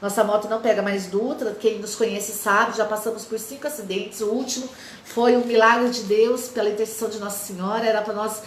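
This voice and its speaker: A woman's voice: medium pitch, steady tone, a little fast, roomy sound, a little hiss or hum. A woman in her forties, a lay missionary, giving an emotional testimony sermon and acting out the dialogue of her story.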